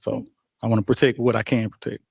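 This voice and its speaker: A man answering questions as a dating show contestant, halting and restarting often. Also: on the low side, level tone, creaky, darkish tone, slightly rough, dry recording. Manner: halting, many fillers and restarts.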